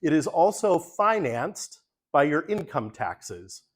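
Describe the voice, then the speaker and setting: Speaking slowly in a fairly high-pitched voice, a pastor talks through slides at a church forum. He's a native English speaker whose relaxed, casual delivery is full of ums and uhs.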